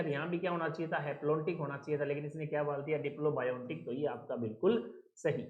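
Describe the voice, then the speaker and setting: A man walks students through an exam answer key, repeating points and quizzing them. His voice sits fairly high. The room around him is echoey. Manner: asks and answers own questions, repetitive drilling. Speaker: exam coaching teacher. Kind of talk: answer key explanation lesson.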